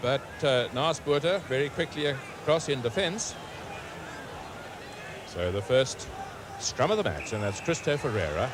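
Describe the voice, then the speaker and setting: A man giving live rugby commentary, his voice leaping up with excitement during play. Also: mid-range voice, unhurried, long pauses. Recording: noisy 1980s stadium broadcast.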